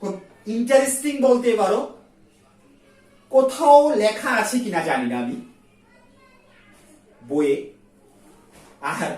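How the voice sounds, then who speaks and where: A woman teaching an English grammar lesson, repeating each sound slowly to drill it. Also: medium pitch. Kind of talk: explaining grammar in a video lesson. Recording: echoey room, far from the mic.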